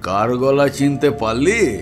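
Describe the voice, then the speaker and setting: An actor playing an irritable, bossy landlord master in a radio play, scolding and commanding. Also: male voice, medium pitch, lively intonation, slow, soft background music. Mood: impatient.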